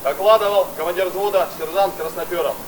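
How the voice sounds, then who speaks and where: Shouting drill sergeant, high-pitched man. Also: steady tone, a little fast, distant mic. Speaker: platoon commander, sergeant. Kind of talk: military parade commands and formal report. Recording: noisy outdoor recording.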